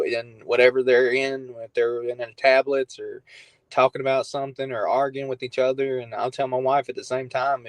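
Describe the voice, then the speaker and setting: A man of thirty telling stories as a podcast guest in a loose, relaxed, conversational way. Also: medium pitch, dry recording, low-quality recording. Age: 30s. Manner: laid-back storytelling, loose and conversational. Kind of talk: casual chat.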